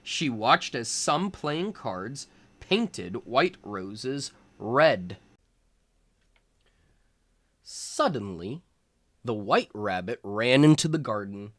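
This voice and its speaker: This man, a tutor, narrates a children's storybook with expressive, measured delivery. The recording has no room sound, and his voice sits in the mid-range.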